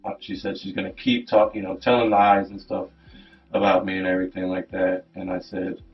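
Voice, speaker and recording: A man's voice: sits low, completely flat delivery, fairly quick, highs cut off, faint music behind. A man giving a hesitant account in a recorded police interview, full of ums and "you know".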